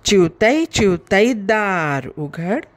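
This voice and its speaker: A woman voicing a lazy, cold, wet male crow who calls at a door in a slow, drawn-out voice. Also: mid-range voice, animated. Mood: pleading.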